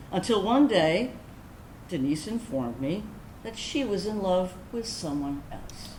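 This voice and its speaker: An actress with a slightly high voice plays a candid woman veteran, giving an animated, dramatic first-person monologue in a staged reading. Her storytelling is confessional and conversational, wry in tone, with deliberate pauses. The recording is roomy and echoing, with background noise.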